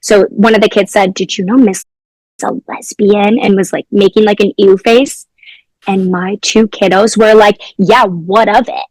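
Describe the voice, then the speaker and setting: A woman's voice: mid-range voice, steady tone, moderate pace, a little mellow, no echo. A young adult woman, a former teacher, telling stories from her classroom in a casual interview.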